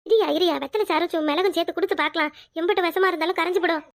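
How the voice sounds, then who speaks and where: A woman with a very high, racing voice and fairly even intonation plays a cartoon village grandmother who scolds but clearly cares. She speaks with a Tirunelveli Tamil accent, fretting, fussing and chatting away in this animated voice role.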